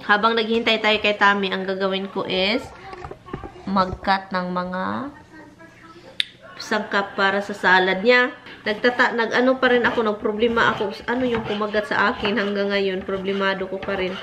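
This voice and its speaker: A woman's voice: steady tone, moderate pace, crowd noise, low-quality recording. A woman casually vlogging from her home, mixing Tagalog and English as she chats about her garden and cooking. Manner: mixes Tagalog and English, chatty, talks to her dogs in a high sing-song baby voice. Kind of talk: casual home vlog chat.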